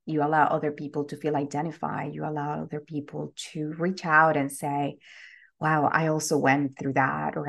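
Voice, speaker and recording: A woman's voice: sits low, gravelly. A woman from Venezuela, hosting a podcast and telling her personal story in an earnest, heartfelt way. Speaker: podcast host.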